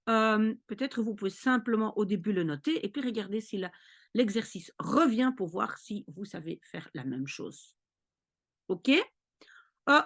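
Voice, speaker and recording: A woman tutor who explains maths slowly and patiently, pausing often to check that her listeners follow. Her fairly high voice rises and falls a lot as she walks through each step. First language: Dutch. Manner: patient, repeats checks like "ok?" and "d'accord?". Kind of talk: explanatory lesson.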